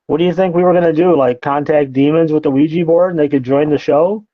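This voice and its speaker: A man's voice: fairly high pitch, fairly even intonation, fast talker, no room sound, lo-fi sound. A man hosting a casual podcast, reading out comments and mocking them with sarcastic, profane jabs. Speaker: podcast host.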